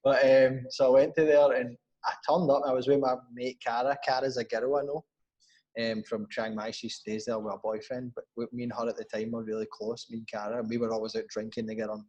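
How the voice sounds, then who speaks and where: A man's voice: mid-range voice, level tone, fast, darkish tone, highs cut off. A young man with a Glaswegian accent, a guest on a casual podcast, telling rambling stories, swearing freely and laughing often. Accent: Glaswegian Scottish. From Scotland.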